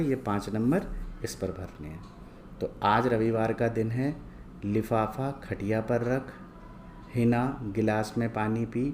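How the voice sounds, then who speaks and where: A man teaching a lesson from worksheets, reading each word twice, slowly and clearly, and asking questions he then answers himself. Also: lowish voice, a little mellow, a little hiss or hum. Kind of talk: slow, patient lesson going through worksheets.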